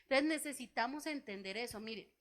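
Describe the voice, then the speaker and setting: A woman pastor delivers a sermon in a church, her voice high and bright. She tells a personal story, acts out the voices of the people in it, and keeps turning to the congregation with questions. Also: brisk. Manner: storytelling, acts out quoted dialogue; asks the congregation rhetorical questions.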